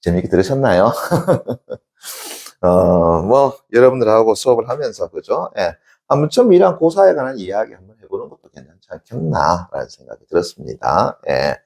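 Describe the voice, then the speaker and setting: Deep rough-voiced guy teaching a class, pitch swings all over, keeps asking if you got it and answering himself. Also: moderate pace. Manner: constantly checks in with students, answering himself; animated storytelling, sound effects. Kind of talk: Korean classics lecture, storytelling.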